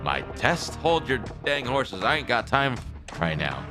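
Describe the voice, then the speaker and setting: A man's voice: mid-range voice, sing-song, measured pace. A man voicing a blunt, sardonic male gangster in a video game, with folksy slang. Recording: game music playing underneath.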